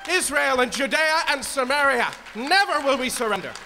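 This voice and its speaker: An American man giving a roaring, rallying political-religious speech, emphatic and rhetorical, with deliberate repetition. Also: very high voice, animated, pushed and bright, some chatter behind, slight background noise. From Virginia, United States. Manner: roaring, rallying delivery at its peaks. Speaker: speaker at a prayer breakfast. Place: large hall, speech to a gathering. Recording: reverberant hall PA sound.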